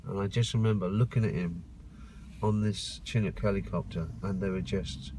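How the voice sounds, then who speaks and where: A man's voice: deep voice, steady tone, normal speed, noisy background. A man, a stand-up comedian, telling rambling anecdotes in a casual interview, often restarting his sentences.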